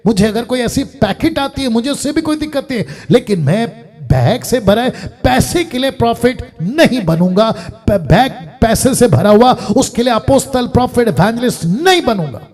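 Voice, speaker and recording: Male pastor, high voice, fervent preaching that sinks to low asides. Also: lively intonation, normal speed, faint music behind. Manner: emphatic preaching with wide swings in loudness, dropping to near-murmurs; mixes English phrases into his preaching. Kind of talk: sermon.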